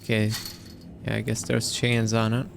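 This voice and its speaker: A man's voice: fairly low pitch, completely flat delivery, moderate pace, gravelly. Casual male gamer narrating gameplay. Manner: chatty, reacts aloud, reads on-screen text. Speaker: gameplay streamer. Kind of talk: casual let's-play commentary. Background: game music.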